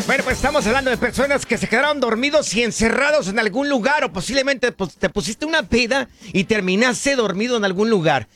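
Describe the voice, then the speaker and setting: A man's voice: extremely high pitch, lively intonation, brisk, few pauses, a bit bright, no room sound, soft background music. A male radio host in casual, playful banter with callers. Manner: playful, teasing.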